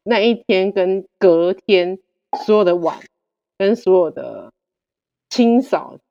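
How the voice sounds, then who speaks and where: A woman guest telling stories in casual chat, direct and animated, acting out the dialogue. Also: mid-range voice, slow, creaky, in a large hall, muffled recording.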